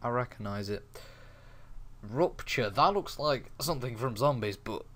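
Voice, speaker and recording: Young man, halting casual gamer chat. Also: mid-range voice, expressive, fairly bright tone. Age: young adult. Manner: halting, informal, thinking aloud. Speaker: gaming YouTuber. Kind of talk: casual reaction video chat. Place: small dim bedroom, indoors.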